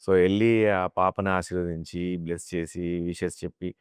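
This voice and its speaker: Man telling animated stories in a dry studio. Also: low voice, fairly quick, smooth, no room sound. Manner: animated storyteller who slips into chanting and imitated voices. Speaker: mimicry artist, interview guest. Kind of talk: casual interview storytelling.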